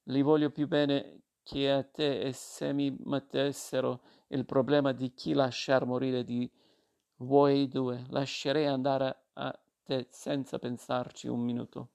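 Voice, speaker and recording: A man voicing an angry, insistent young war veteran with a creaky voice. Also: medium pitch, flat delivery, slow, darkish tone. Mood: cold.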